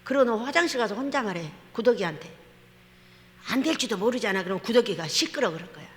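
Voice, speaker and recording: A woman pastor preaching a lively sermon, telling stories with laughter and acting out quotes in a church. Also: medium pitch, fast. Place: church sanctuary. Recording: long hall reverb.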